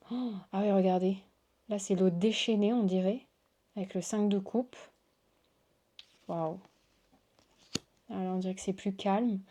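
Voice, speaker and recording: Gushing woman unboxing cards, mellow voice. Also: mid-range voice. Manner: gushing, exclamatory, lots of waouh and oh là là. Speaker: tarot reader and channel host. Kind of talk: casual unboxing chat to viewers.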